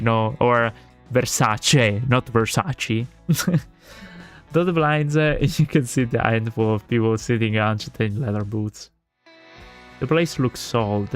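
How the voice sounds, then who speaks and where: Here a medium-pitched man with an Italian accent, whose first language is Italian, streams himself reading a visual novel and chatting with viewers. His speech is packed with fillers and restarts.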